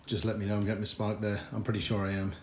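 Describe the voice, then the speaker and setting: The man speaks at a racing pace in a monotone, his voice on the low side, with slight background noise behind him. He's in his garage fixing a motorcycle on camera, thinking out loud and getting frustrated.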